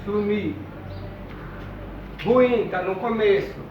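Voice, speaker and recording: A man teaching a lesson, reading words out slowly and repeating each one. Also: high voice, expressive, noisy background. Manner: slow, deliberate, repeats each word. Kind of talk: classroom lesson, reading a word list. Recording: distant, muffled, echoey room.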